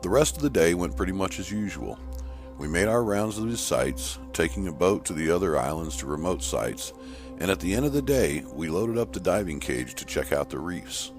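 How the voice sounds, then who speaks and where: With music in the background, a man delivers an expressive, low-pitched performance at a moderate pace. His character in this audio horror story is a male shark researcher who earnestly and emphatically recounts an attack.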